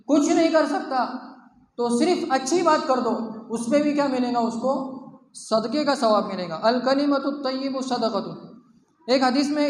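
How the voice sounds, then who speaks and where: A man preaching a sermon, asking himself questions and answering them, and mixing Arabic quotations into plain talk. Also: very high voice. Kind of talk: Islamic sermon. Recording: echoey hall, faint background noise.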